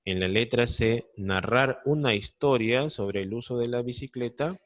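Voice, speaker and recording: A man's voice: mid-range voice, measured pace, no echo. A man with a Peruvian Spanish accent teaching an online class over a video call, patiently explaining step by step and often checking that students follow.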